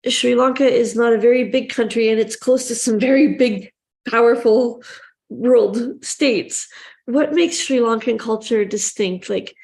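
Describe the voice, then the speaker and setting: Upbeat woman interviewer with a gravelly edge. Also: fairly high pitch, a little mellow. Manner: upbeat, enthusiastic. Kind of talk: casual interview.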